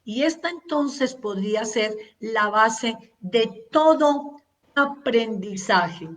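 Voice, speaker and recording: A woman's voice: on the high side, lively intonation, slow pace, fairly bright tone, distant mic. A woman giving a parenting masterclass, speaking earnestly and repeating words for emphasis as she works through long lists. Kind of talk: slow, measured teaching talk with long lists.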